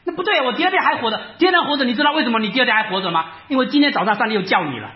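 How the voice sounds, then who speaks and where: A man preaching a sermon, animated, asking rhetorical questions and acting out his listeners' doubts. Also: very high voice, rapid-fire. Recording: echoey room, slightly dull sound.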